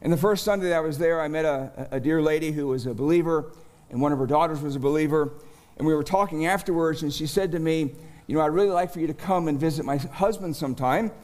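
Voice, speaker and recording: A middle-aged male pastor preaching a sermon, telling a personal story slowly and deliberately, rising with emphasis at key moments. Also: a little high. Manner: storytelling, slow and deliberate with animated rises.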